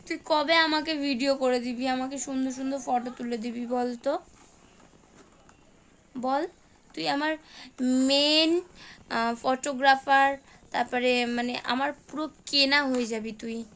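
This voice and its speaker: High-voiced mother chatting at home. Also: steady tone, a little slow, pauses often, a bit bright, a little hiss or hum. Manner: chatty, teasing and scolding a child. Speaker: mother vlogger. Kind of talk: casual home vlog chat. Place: home room, indoors. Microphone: handheld phone camera.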